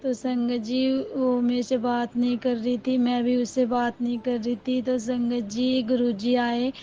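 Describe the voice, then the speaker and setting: Slow, flat-voiced devotional woman. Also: on the high side, dull audio. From Delhi. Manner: halting, repeats "sangat ji" and "guru ji" often. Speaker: devotee sharing a testimony. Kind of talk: devotional testimony.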